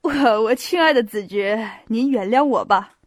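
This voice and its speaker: A woman voicing a courtly older prince who speaks gently and courteously. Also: a little high, animated, normal speed, dry recording, studio quality. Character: courtly elderly prince, smooth and polite.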